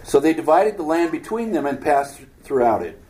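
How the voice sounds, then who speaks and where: Guy doing a bible study, reads a verse then cracks a joke about it, bit higher voice, faint hiss behind. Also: big pitch swings, a little fast, a little mellow, low-quality recording. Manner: reads scripture aloud then adds joking asides, acts out voices. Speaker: Bible teacher. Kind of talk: casual Bible study reading and commentary.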